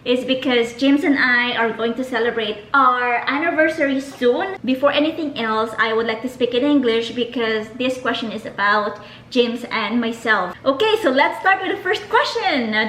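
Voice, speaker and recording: A chatty woman hosts a home vlog, reading viewer questions aloud. Her voice sits fairly high, and the room around her sounds echoey. A faint hiss runs underneath. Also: normal speed, fairly bright tone. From Philippines. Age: 30s. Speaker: vlogger host. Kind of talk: casual Q&A chat.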